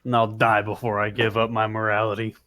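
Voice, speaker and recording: A man's voice: lowish voice, completely flat delivery, fairly quick, fairly bright tone, natural voice. A man playing a grumbling, principled adventurer who makes solemn vows in a tabletop game. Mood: stubborn, resolute. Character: grumbling, resolute lawful-good male adventurer.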